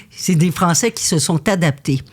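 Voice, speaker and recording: A woman's voice: fairly low pitch, slow pace, breathy edge. A woman from Quebec, a guest in a candid conversation who tells her stories with intensity. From Quebec, Canada. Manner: intense, animated storytelling.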